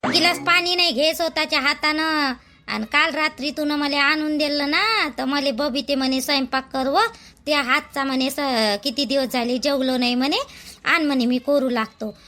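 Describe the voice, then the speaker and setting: An excitable gossiping wife. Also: female voice, high-pitched, normal speed. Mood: gossipy. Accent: Marathi, Vidarbha dialect. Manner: excitable, exclaiming. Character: excitable married woman gossiping about her husband.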